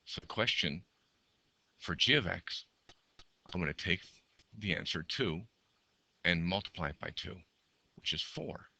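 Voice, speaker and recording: A man teaches a math lesson as he sketches graphs, counting out steps aloud, his voice a little worn from losing it. His pitch sits very low, yet the tone is bright and forceful. The sound is dry and close. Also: animated, unhurried, gravelly, long pauses, no echo. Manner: talks through each step while drawing, counts aloud.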